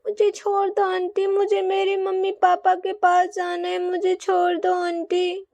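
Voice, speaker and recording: A woman's voice: very high voice, monotone, measured pace, darkish tone, no room sound. A woman voicing a frightened little boy who pleads tearfully to go home to his parents. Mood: pleading.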